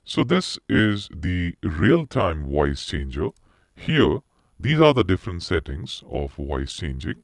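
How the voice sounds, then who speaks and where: A man demonstrating a product, his voice run live through a pitch-shifting voice changer on a headset mic, explaining the settings as he goes. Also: big pitch swings, slow, vocal fry, no echo, clean studio sound, exaggerated voice. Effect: real-time pitch-shifting voice changer. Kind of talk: product demo walkthrough. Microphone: headset condenser microphone.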